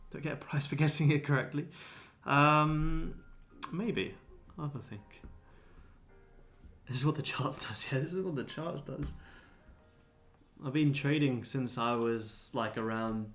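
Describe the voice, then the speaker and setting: With a medium-pitched, fairly bright tone, a young man in his twenties chats casually as a livestream host replying to viewers. He trades stocks by day and comes across laid-back, blokey and sweary.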